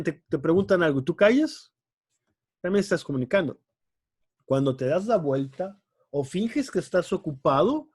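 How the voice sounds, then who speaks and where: A man's voice: fairly high pitch, a little mellow, husky, no room sound, clean studio sound. A man, a youth pastor teaching a Bible class in an earnest, emphatic way, asking rhetorical questions.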